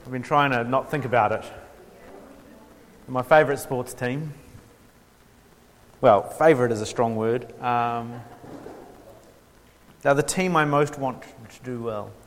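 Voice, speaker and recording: In a hall with a long reverb, a New Zealand man delivers a relaxed, informal workshop lecture on theology. His pitch is middling, and he often pauses with ums and restarts while slipping in dry jokes at his own expense.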